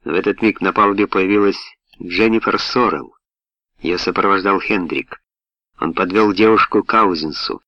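A man narrating a story in the first person, in a steady, measured reading voice. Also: deep voice, no room sound. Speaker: audiobook narrator. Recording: dull, dry lo-fi recording.

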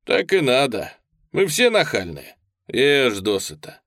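A man voicing a huge bearded commander who speaks calmly and good-naturedly in a story reading. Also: medium pitch, no echo, studio quality, exaggerated voice. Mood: genial. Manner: calm, good-natured, unhurried. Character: huge bearded genial Red commander, quietly menacing.

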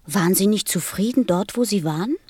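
A woman playing a gentle, curious and earnest little boy in a German radio play, with a husky voice and simple questioning delivery. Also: medium pitch, animated, fairly quick, no room sound.

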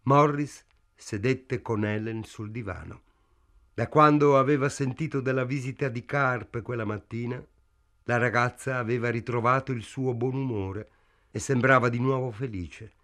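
A male audiobook narrator with a middle-pitched voice. He reads a novel in a measured, even way. His delivery is calm and literary.

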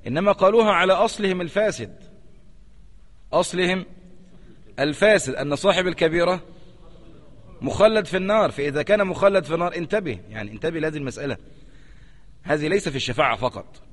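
A man's voice: on the high side, lively intonation, quick pace, long pauses, big-room sound. A man with an Egyptian accent, a sheikh teaching a religious lesson and explaining a text, who talks emphatically, repeats key phrases and keeps urging listeners to pay attention. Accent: Egyptian Arabic.

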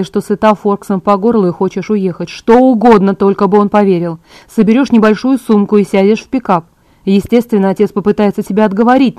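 A woman's voice: mid-range voice, dark tone, no echo, close to an everyday voice. A woman reading an audiobook, voicing a protective young male vampire who gives firm orders.

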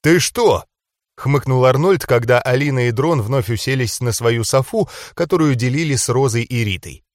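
A man narrating an audiobook in a steady storytelling reading. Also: mid-range voice, a little fast, few pauses, no room sound, studio quality. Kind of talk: scripted narration.

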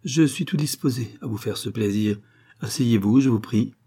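A man's voice: medium pitch, normal speed, mellow, slightly rough. A man doing a haughty, stately old count. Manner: condescending, stately. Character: proud, haughty aristocratic count, middle-aged man.

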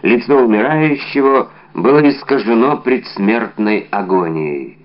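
A man reading an adventure novel aloud in a steady, dramatic narrating voice. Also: fairly low pitch, unhurried, dull audio. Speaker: audiobook reader. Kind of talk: scripted narration.

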